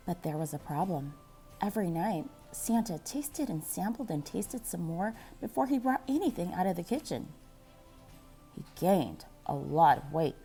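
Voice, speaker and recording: Reading a children's picture book aloud, a woman with a lowish voice takes an animated, measured storytelling approach, using dramatic pauses much like a school librarian.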